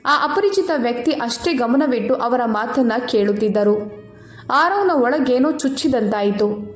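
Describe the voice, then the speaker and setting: A woman's voice: on the high side, normal speed. Emotive woman storyteller, echoey room. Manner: steady, emotive reading. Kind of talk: scripted story narration. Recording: echoey room with faint music.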